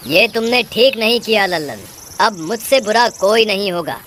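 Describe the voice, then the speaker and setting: A woman voicing a stern, angry male farmer in a cartoon, giving gruff threatening commands. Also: medium pitch, animated, moderate pace, a bit bright, slight background noise, natural voice. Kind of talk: Hindi cartoon voice acting.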